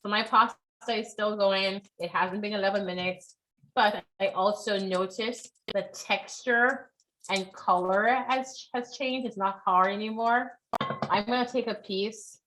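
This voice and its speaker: A woman's voice: mid-range voice, fairly even intonation, a little slow, bright, forceful tone, a little hiss or hum, rough recording. A woman leading a live online cooking class, chatty and encouraging, often checking in with her students.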